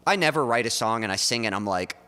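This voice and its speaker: Man, fairly low voice, casual livestream chat, rambling with fillers, close studio mic, long reverb. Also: expressive, quick pace, pushed and bright, clean tone. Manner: loose and chatty, full of likes and ums. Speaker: streamer and songwriter. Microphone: studio mic in front of his mouth.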